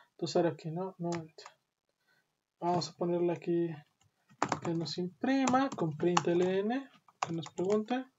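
A woman teaching a programming class, explaining step by step and often checking in with "¿sí?". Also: lowish voice. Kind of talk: screen-recorded coding lesson. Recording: dull lo-fi audio with clear background noise and keyboard typing.

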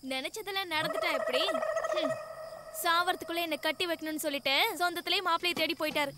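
A woman's voice: very high voice, quick pace, very noisy. An actress playing a young village woman who complains with resignation. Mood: resigned. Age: young adult. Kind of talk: Tamil village film acting. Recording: distant voice under loud film music.

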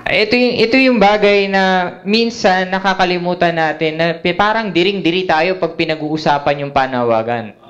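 Filipino male preacher, high voice, mixes English and Tagalog, lo-fi church recording. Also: moderate pace, fairly bright tone. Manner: switches between English and Tagalog, frequent tag questions. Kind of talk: sermon at a prayer meeting. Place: church hall.

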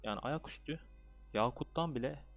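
A young man talks his way through an online game in a relaxed, chatty flow, fretting over luck and perking up quickly at good results. His voice sits at a middle pitch, neither deep nor high. Faint background music runs underneath. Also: gravelly, lo-fi sound. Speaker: gaming video creator. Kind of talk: casual gameplay commentary.

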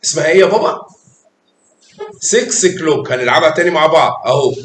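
Fast and a bit bright, an Egyptian Arabic–accented math teacher patiently coaxes young children along, calling them pet names. The classroom is echoey, with a faint rumble underneath.

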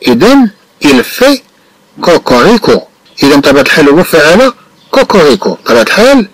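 Moroccan man teaching French, lively pitch. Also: dry recording, rough recording. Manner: slow, drawn-out French phrases then quick Arabic explanation. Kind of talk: bilingual French lesson explained in Moroccan Arabic.

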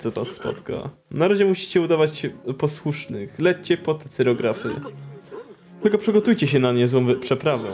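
A man voicing a wise, grandfatherly old male kettle who gives gentle advice, reading game text aloud. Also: medium pitch, close to an everyday voice. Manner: gentle, advising. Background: game music.

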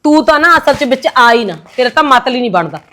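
A woman's voice: sits high, animated, fast talker, fairly bright tone. A middle-aged woman playing a resentful mother-in-law in a short film drama, scolding and sarcastic. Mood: bitter.

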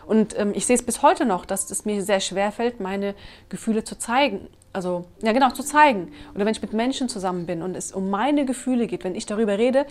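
A woman in her thirties, a mother of three, talking earnestly to camera about raising children, often animated. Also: medium pitch, a little fast. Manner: earnest, animated, acts out her own scolding. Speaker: parenting vlogger, mother of three. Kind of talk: casual talk to camera. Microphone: camera mic.

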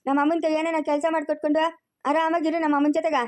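A woman's voice: high-pitched, little pitch movement, very fast, darkish tone, close to an everyday voice. A woman playing a playful grown son who teases and cheers others up, in a home-made family skit. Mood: cheering. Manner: teasing, cheerful.

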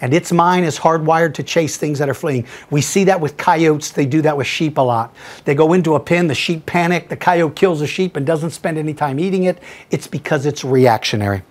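A man's voice: fairly high pitch, a little fast. A man hosting a paleontology podcast, answering listener questions in an enthusiastic, folksy way and calling listeners buddy.

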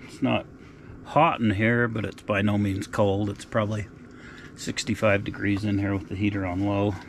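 Middle-aged man, casual vlog host, easygoing and folksy; lowish voice over steady background noise. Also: normal speed. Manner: laid-back, folksy updates. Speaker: outdoor vlogger. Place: frozen lake outdoors and inside an ice-fishing tent.

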